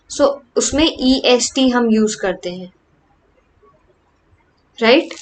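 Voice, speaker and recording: A woman teaching a grammar lecture, reading example sentences slowly and then explaining them more quickly in Hindi. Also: a little high.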